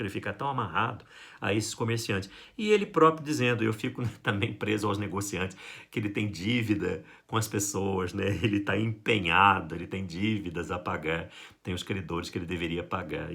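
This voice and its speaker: A man with a Brazilian Portuguese accent teaching a literature lesson to high school students, playful and animated, acting out quotes in a jumpy voice. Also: creaky. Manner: lively, playful, acts out quotes with big pitch jumps. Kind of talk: recorded online class for high school.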